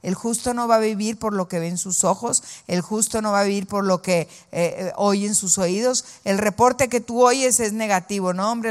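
A woman preaching a sermon to women, reading scripture slowly and having the audience repeat lines after her. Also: mid-range voice. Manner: slow, emphatic reading of scripture. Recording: long reverb of a hall.

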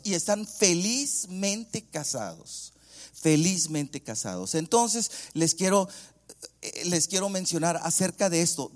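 A male pastor preaching a sermon, acting out the voices of the people in his story and swinging between loud and hushed. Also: sits high. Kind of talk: sermon with acted-out anecdote.

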